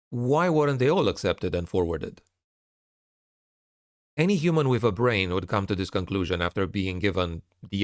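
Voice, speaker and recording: An online narrator and content creator gives his viewers a candid spoken update, sounding frustrated and sardonic. His voice is lowish, and the recording is dry and studio quality.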